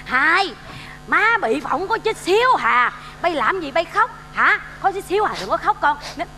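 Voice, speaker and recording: A high, bright, forgetful old Southern mother. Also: lively intonation, brisk, slight background noise. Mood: flustered. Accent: Southern Vietnamese. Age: older. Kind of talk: stage comedy sketch. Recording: reverberant stage with faint music.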